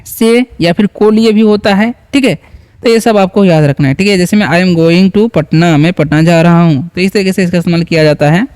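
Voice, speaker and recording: A man's voice: high-pitched, a little fast, a little mellow, clean tone. A man from India teaching beginners to read English, patient and repetitive, often quizzing the viewer. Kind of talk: spoken lesson.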